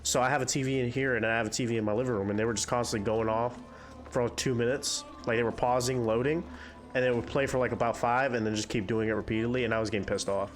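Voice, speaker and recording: A young man with a congested, medium-pitched voice chats quickly and candidly while hosting a game playthrough on his gaming channel. His intonation stays fairly even as he rambles, with soft music playing in the background.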